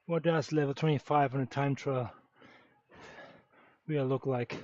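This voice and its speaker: A man's voice: mid-range voice, fairly even intonation, measured pace, a little mellow, no room sound. A man from Germany, chatting casually on a live stream while riding and answering viewers' questions with many fillers. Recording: dull lo-fi stream audio.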